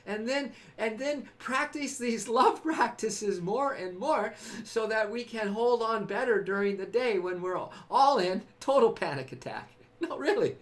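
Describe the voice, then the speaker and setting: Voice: medium pitch, expressive, measured pace. A host from California giving a spiritual, motivational live-stream talk. The host laughs often, repeats phrases, and speaks to viewers by name.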